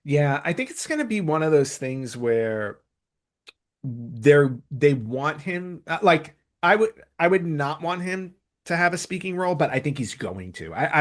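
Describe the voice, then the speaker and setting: Speaking at a normal speed, a man with a mid-range, animated voice hosts a casual entertainment-news podcast. His talk wanders, and he keeps rephrasing things mid-sentence.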